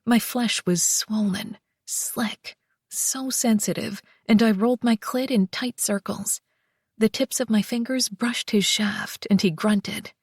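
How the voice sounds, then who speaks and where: Woman reading a steamy romance book, soft n breathy, drops to whispers, dry close sound. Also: mid-range voice, no room sound. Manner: soft, slow, breathy delivery with whispered passages. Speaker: audiobook narrator. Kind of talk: first-person romance audiobook narration.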